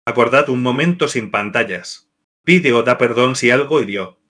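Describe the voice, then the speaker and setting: Bright-voiced male narrator reading advice. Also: mid-range voice. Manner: even, measured list-reading delivery. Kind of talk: scripted devotional advice narration.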